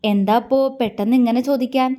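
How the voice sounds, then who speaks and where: A woman voicing a grieving young wife who speaks softly and emotionally in an audio drama. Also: a little high, fairly even intonation, fast, close to an everyday voice. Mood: tender, tearful. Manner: soft, emotional, pleading.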